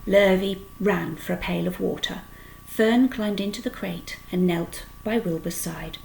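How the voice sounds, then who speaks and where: A woman reading a children's book aloud with expressive storytelling. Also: lowish voice, measured pace, vocal fry, slight background noise, low-quality recording. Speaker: storytime reader.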